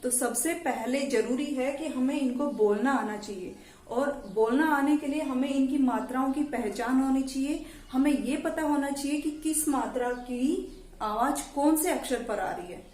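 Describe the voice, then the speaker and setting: A woman teacher with a fairly high voice leads a lesson for young children. She sounds out each syllable slowly and patiently, and the recording carries a noticeable room echo. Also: a little mellow. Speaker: primary school teacher. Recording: echoey room.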